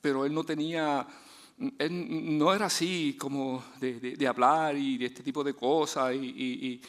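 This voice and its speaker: A man in the pulpit, preaching by telling a story. He chuckles, stumbles through restarts, then lowers his voice to a soft, earnest tone. His pitch sits in an ordinary middle range. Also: steady tone, unhurried. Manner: chatty, laughing, many restarts; drops soft and low when preaching. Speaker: guest preacher. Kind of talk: storytelling sermon.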